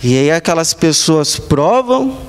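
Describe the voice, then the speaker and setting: A man with a Brazilian accent preaching a sermon as pastor, telling small stories in short, measured phrases. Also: on the high side, sing-song, clear, resonant tone. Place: church service.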